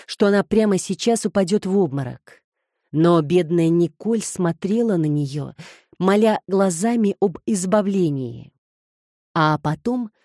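A woman reading a novel aloud in a calm, measured way. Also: lowish voice, dry recording, clean studio sound. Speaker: audiobook narrator. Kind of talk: scripted audiobook narration.

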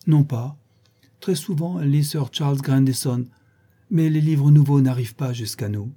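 Brief: a man playing a wide-eyed teenage girl in a storybook, soft-spoken, dark husky tone. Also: medium pitch, moderate pace, lightly acted. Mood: earnest. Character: naive, earnest seventeen-year-old girl. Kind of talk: audiobook reading.

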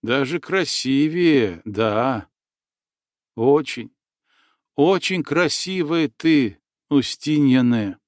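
A man reading the lines of a good-natured young forest hunter, gentle in manner and often tacking "да" onto his phrases. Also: medium pitch, expressive, drawn-out words, long pauses, no room sound, clean studio sound. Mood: shy, admiring.

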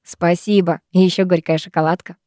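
A woman's voice: on the low side, fairly even intonation, fairly quick, dark tone, no echo, clean studio sound, natural voice. A woman reading the part of a cocky, teasing teenage schoolboy in an audiobook, with a smug, mocking manner. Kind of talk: audiobook character voice.

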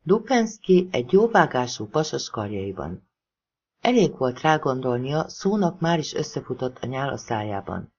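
A narrator from Hungary reading a thriller novel aloud in an expressive audiobook style. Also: medium pitch, breathy edge, highs cut off.

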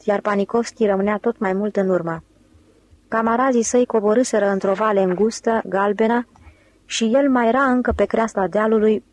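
A woman reading a novel aloud as an audiobook narrator, in a steady, even voice on a close mic. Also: mid-range voice, rough recording. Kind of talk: scripted narration.

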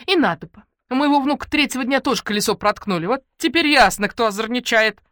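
A woman voicing a lively, gossipy old woman in an audiobook, speaking loud and high. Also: fast, dry recording, studio quality, natural voice. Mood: agreeing.

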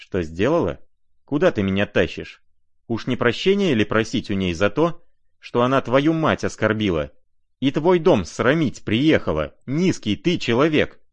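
A man's voice: medium pitch, big pitch swings, normal speed, dry recording, highs cut off, voice pushed up. A man voicing a proud young woman, trembling with anger and indignation. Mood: outraged.

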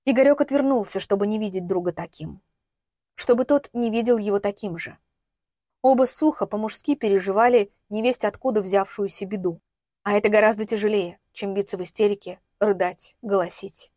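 A woman narrates a dramatic audiobook with an expressive, emotional delivery. Her voice sits at a middling pitch and is recorded dry and close, with no room echo. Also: a little fast.

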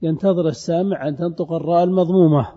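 A man teaching a classroom grammar lesson, drawing out recited verses and examples slowly and with emphasis, and calling on his students. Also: fairly high pitch, steady tone, husky. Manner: addresses students directly. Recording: reverberant hall, dull lo-fi sound.

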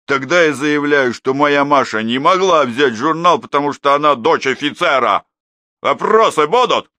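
A man voicing a stout, mocking army major who speaks loudly to a meeting. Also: moderate pace, no echo. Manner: loud, mocking, booming. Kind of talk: audiobook character voice.

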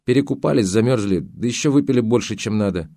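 A man reading an audiobook, voicing a spoiled, defiant young woman in a raised girlish pitch. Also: quick pace, dark tone, no echo, natural voice. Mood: petulant, defiant. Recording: dry close studio sound.

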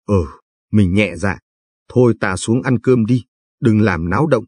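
A man doing a calm, trusting commander. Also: fairly low pitch, a little slow, husky, dry recording.

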